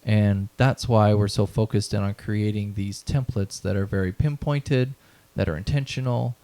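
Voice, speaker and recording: A man in his thirties, guest in a conversational interview and founder of an event, speaks at normal speed in a fairly low, steady, warm voice. He's earnest and motivational about his mission and values, reuses phrases, and often adds "right?"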